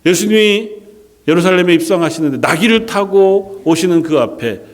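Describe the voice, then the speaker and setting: A male pastor preaching a sermon in a church, with emphatic delivery that swings between loud and quiet and fast and slow. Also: high voice, animated. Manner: emphatic, with strongly varied loudness and pace. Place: church sanctuary. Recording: echoey church hall.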